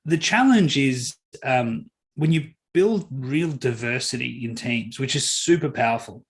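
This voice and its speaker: A middle-aged man speaks as a guest on a podcast interview. His tone is earnest and he pauses often with fillers while telling stories, at a medium pitch. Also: animated. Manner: earnest, storytelling, many fillers.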